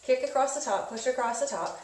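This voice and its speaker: A woman instructing an indoor spin class in a casual, conversational coaching style, giving gently encouraging cues. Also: sits high, a little fast. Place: indoors, echoey room. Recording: echoey room, distant mic, clear noise.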